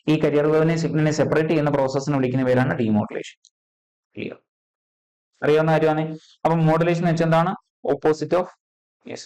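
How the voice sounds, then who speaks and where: A man teaching an exam-prep physics lesson, checking in constantly with quick questions and repeating key terms. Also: a little high, darkish tone, rough recording.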